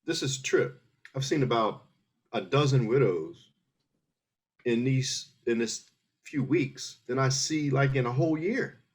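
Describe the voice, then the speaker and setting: A middle-aged man from Philadelphia, USA, an army veteran, is the guest in a casual interview conversation. Speaking a little slowly in a mid-range voice, he explains matters earnestly and step by step, often restarting his sentences.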